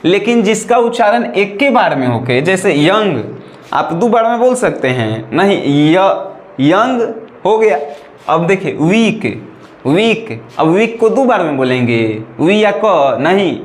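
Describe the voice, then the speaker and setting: Brief: male grammar teacher with a Bhojpuri accent, high voice, echoey room. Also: big pitch swings, takes it slowly. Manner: repetitive, checks in with "right or not?". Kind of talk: classroom-style lesson.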